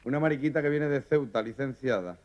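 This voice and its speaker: A man's voice: mid-range voice, fast talker, muffled recording, background noise. Chatty Spanish joke-telling man. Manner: chatty, storytelling asides and restarts. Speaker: comedian.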